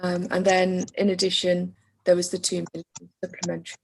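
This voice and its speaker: A woman with an English accent who is losing her voice, presenting school funding figures to a council meeting over a video call in a measured way with frequent ums. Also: on the low side, monotone, gravelly, darkish tone, slight background noise. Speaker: council finance officer.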